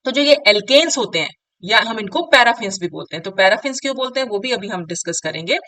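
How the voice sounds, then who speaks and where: A woman's voice: mid-range voice, lively intonation, fast talker, bright, forceful tone, distant mic, rough recording. A woman chemistry teacher giving a lecture, explaining step by step, mixing textbook English lines into her talk, and often checking in with her students. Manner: calls students "beta" and checks in with "ठीक है". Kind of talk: classroom lecture.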